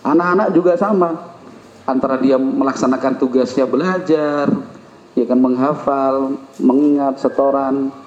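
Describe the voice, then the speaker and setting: A man's voice: mid-range voice, steady tone, a little slow, a little mellow. A man giving an Islamic sermon in a chatty way, acting out little household scenes and checking in with the listeners. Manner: conversational, acts out household dialogue, asks the crowd "ya kan?". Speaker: preacher. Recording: echoey hall, dull lo-fi sound.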